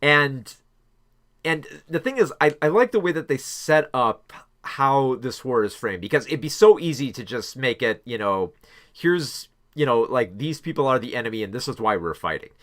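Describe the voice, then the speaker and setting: A man's voice: medium pitch, lively intonation, normal speed, fairly bright tone. A man giving a casual spoken film review, rambling with many fillers and restarts.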